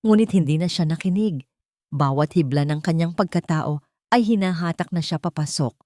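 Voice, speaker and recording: In a dramatic audiobook narration, a low-voiced woman reads with measured, suspenseful pacing. Her tone is mellow, and the sound is close and dry, without any echo or sense of room.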